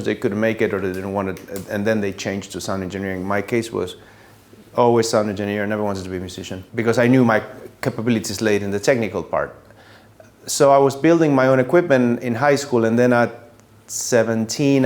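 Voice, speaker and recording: A middle-aged or older man from Buenos Aires, a native Spanish speaker with an Argentine accent, telling his career story as a sound engineer in a halting, reflective way with emphatic repetition. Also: on the low side. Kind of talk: personal career storytelling to an audience.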